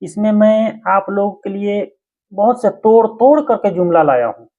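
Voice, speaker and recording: A man teaching simple vocabulary in a slow spoken lesson, repeating each word again and again with patient, deliberate delivery. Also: sits high, warm tone, highs cut off. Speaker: language teacher.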